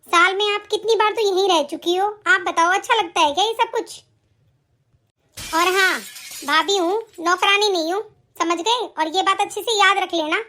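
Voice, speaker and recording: A dutiful young sister-in-law who has had enough, as a woman voices her in an animated story. She speaks in a very high voice, firmly and indignantly, and lectures back. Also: moderate pace.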